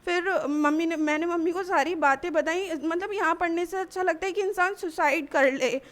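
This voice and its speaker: A young college student with a notably high-pitched voice gives a personal account in a news interview. She speaks haltingly, often breaking off and starting her sentences again. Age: young adult. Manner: halting, with frequent restarts. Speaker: college student giving testimony.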